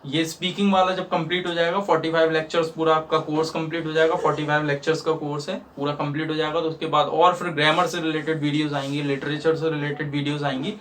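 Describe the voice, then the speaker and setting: A man's voice: fairly high pitch, flat delivery, quick pace, hardly any pauses, a bit bright, slight background noise. A man teaching grammar, explaining patiently with everyday examples and checking that his students understand. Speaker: English teacher. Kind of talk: spoken English lesson.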